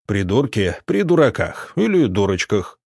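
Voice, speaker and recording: A man's voice: fairly low pitch, big pitch swings, measured pace, gravelly, darkish tone, slightly rough, no echo, clean studio sound, exaggerated voice. Man doing a cheeky, teasing young man. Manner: mocking, cheeky.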